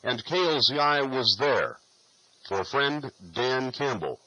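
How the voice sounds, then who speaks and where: A man's voice: medium pitch, animated, slow, pushed and bright, lo-fi sound. A man narrating a radio retrospective in a storytelling documentary style. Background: music bed.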